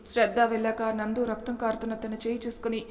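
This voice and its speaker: A woman storyteller reading a serial story aloud in a steady, expressive way. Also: a little high, fast, in a large hall.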